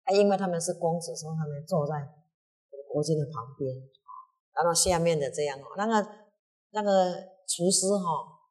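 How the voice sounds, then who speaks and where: A woman with a Taiwanese Mandarin accent giving a storytelling lesson on ancient history, chatty and full of drawn-out particles. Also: on the low side, darkish tone, breathy edge.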